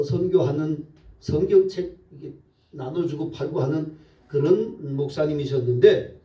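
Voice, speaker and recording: A male pastor preaching a sermon in a church, telling stories lively and asking the congregation questions. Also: a little high. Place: church sanctuary. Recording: echoey church, voice from far off the mic.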